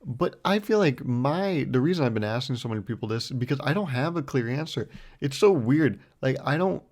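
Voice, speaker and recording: A man in his twenties talking casually and rambling on his solo podcast, self-deprecating, recorded close on a mic with a foam windscreen. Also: a little fast. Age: 20s. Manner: rambling and self-deprecating, lively swings in pitch. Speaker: podcast host.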